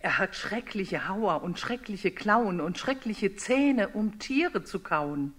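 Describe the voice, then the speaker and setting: A woman's voice: medium pitch, expressive, takes it slowly. A plucky little storybook mouse, read by a woman. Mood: sly, bold. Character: bold clever little mouse, female.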